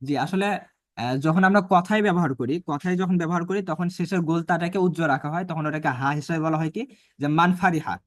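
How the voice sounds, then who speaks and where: Guy teaching arabic grammar online, kinda high voice, dry sound, keeps asking then answering himself. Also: no echo. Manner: repeats phrases and asks rhetorical questions; reads Arabic phrases slowly and deliberately.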